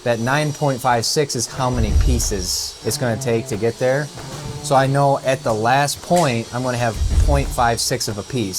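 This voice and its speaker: A man who works as a contractor, casually talking through measurements and flooring steps inside a house under renovation. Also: medium pitch. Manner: plain-spoken, talks through numbers step by step. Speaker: flooring contractor and channel host. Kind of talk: casual how-to instruction on a job site.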